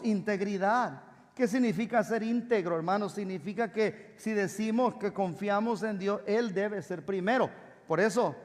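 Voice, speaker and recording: High-voiced pastor preaching in a reverberant hall. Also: male voice. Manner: calls out to the congregation for responses; drops to a soft confiding voice for anecdotes. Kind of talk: sermon. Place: church sanctuary.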